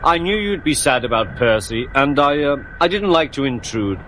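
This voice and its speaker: A man's voice: mid-range voice, lively intonation, moderate pace, fairly bright tone, a little hiss or hum, close to an everyday voice. A man doing a brash, impatient blue engine. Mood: flustered. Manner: brash, blustering.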